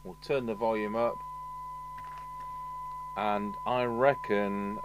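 This UK host, a radio repair technician, works slowly through a repair at his indoor electronics bench, narrating each step in a dry, understated way. His fairly low voice comes through with the high frequencies cut off, over a constant hum and background noise.

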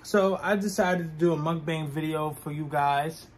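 Young male vlogger, relaxed filler-heavy chat, slightly high voice, faint room noise. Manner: talks slowly with frequent "um" fillers. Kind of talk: casual mukbang vlog chat. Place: his own room.

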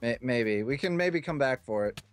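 A man's voice: medium pitch, animated, moderate pace, faint music behind. A man hosting a casual multiplayer gaming session, often stammering and giggling. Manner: hesitant, stammering restarts, giggly. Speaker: gaming channel host.

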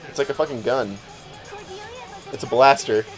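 A man's voice: medium pitch, normal speed, faint music behind, some chatter behind. A young man hosting a let's play, giving casual, rambling, profane commentary and arguing with his co-host.

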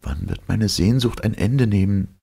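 A man voicing a gentle, fearful young woman born of starlight, speaking softly and tenderly in a husky, gravelly voice raised well above his own. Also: on the low side, measured pace, pitched above the performer's own voice, heavily acted. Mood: dreamy. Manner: soft, tender, wondering. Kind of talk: audiobook reading.

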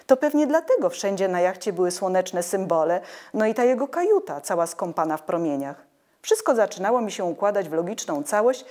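A woman reading a children's story aloud with expressive, melodic narration. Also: medium pitch. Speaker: audiobook reader.

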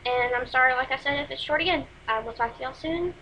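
This Texas teen music vlogger talks fast in a high-pitched voice, rambling, apologetic and full of fillers as she reviews music from a small room indoors at home. Her webcam's built-in mic cuts off the highs and adds a little hiss or hum, and she has a Texas accent.

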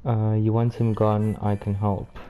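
A man's voice: lowish voice, completely flat delivery, a little slow, muffled recording. A man hosting a casual game playthrough, talking in a joking, informal way. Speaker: gaming host.

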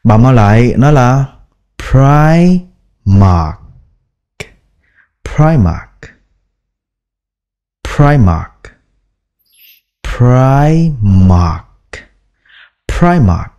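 A man teaching English brand-name pronunciation in a patient, step-by-step lesson, repeating each word slowly. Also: medium pitch, sing-song, a little mellow, dull audio. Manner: drawn-out repeated example words, patient explaining. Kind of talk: slow instructional pronunciation lesson.

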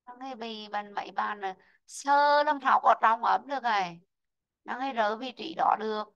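A woman teaching an online English lesson, slowly modelling word stress and calling out students who answered right. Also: a little high, vocal fry, a bit bright, lo-fi sound. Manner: slow, drawn-out model pronunciations of English words; calls out student names and marks answers right.

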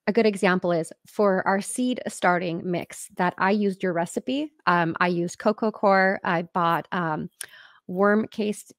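A woman hosts a casual home podcast over a video call. Her voice sits a little low and the sound is dry and close. She rambles in an easy, chatty way, stacking fillers as she goes. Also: unhurried, no echo. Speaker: podcast host. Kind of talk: casual chat.

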